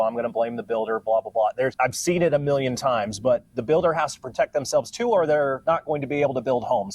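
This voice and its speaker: A man's voice: medium pitch, darkish tone, no echo. A man hosting a real estate video, giving casual advice in a conversational way with frequent restarts and folksy phrases. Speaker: real estate agent, channel host. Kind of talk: casual advisory chat.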